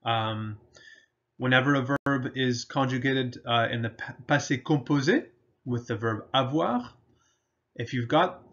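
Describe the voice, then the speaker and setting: A man teaching French grammar in a slow, patient way, pausing often and switching to English to explain. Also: medium pitch, a bit bright, muffled recording. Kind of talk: grammar lesson.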